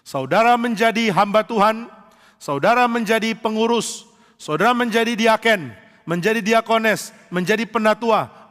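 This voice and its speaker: A male pastor preaches an emphatic sermon, relying on rhetorical questions and taking on the voices of the people he quotes. His voice is fairly high for a man, with a fairly bright tone, and the long reverb of a church hall surrounds it.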